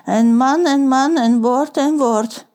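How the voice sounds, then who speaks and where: A woman's voice: sits high, slow, a little mellow, in a large hall, pitched above the performer's own voice. A woman voicing a spiteful, gleeful male pirate in a children's audiobook, taunting and bossy.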